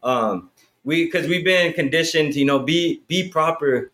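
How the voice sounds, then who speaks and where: A man's voice: a little high, measured pace, a bit bright. A man in his thirties talking in a casual chat, profane and hyped, filling his talk with "bro" and "right?". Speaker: podcast guest.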